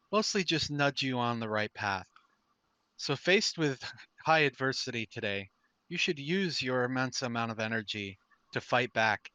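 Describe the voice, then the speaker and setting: Man voicing a too-calm, eerie female fortune-teller, bright tone. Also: medium pitch, no echo. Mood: calm, guiding. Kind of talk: improvised tabletop role-play.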